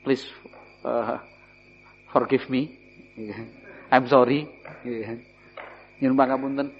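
A man's voice: medium pitch, fairly even intonation, slow, slight background noise. A man teaching an Islamic study lesson, explaining Arabic words and asking his listeners questions. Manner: explains Arabic terms, asks the audience questions; sprinkles in Javanese. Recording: dull recording in a hall.

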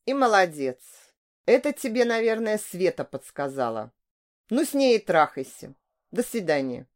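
A woman reading the part of a calm, cold married man who brushes off his lover with flat, dismissive retorts. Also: medium pitch, normal speed, close to an everyday voice.

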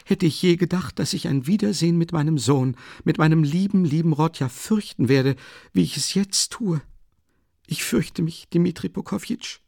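A man's voice: moderate pace, gravelly, a little mellow, dry recording, studio quality. A man voicing an anxious, timid middle-aged mother in an audiobook, flustered and exclaiming. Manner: flustered, exclaiming, high-pitched fretting. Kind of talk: audiobook character reading.

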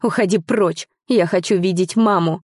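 A woman voicing a young woman who is hurt and bitter, speaking in a sharp, tearful, accusing way. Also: lowish voice, moderate pace, breathy edge, dry recording, clean studio sound.

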